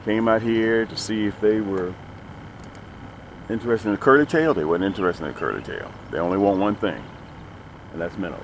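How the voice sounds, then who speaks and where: The recording is rough: a middle-aged fishing host on a small lake boat, captured by a little action camera mounted near him amid outdoor noise. His voice is lowish and brisk, with long pauses, and his casual, folksy talk to viewers is emphatic and full of repeated phrases.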